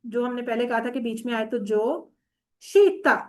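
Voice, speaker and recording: A woman teacher gives a patient online lesson on Arabic grammar. Her voice sits high, and she speaks. She keeps asking her students whether they are following and slips English words into her explanations. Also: flat delivery, darkish tone. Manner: patient, often checks understanding with "theek hai?".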